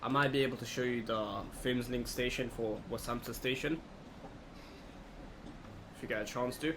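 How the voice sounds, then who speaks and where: Thinking aloud as he plays, a male gaming video host delivers relaxed, off-the-cuff let's play narration at a moderate speed and medium pitch. Behind his voice, the clean recording carries a steady background drone resembling air-conditioning.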